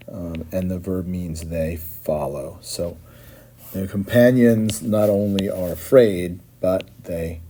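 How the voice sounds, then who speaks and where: Slow, dark-voiced male teacher. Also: low voice. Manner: patient, explanatory, often checks in with "right?". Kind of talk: classroom explanation, translating line by line.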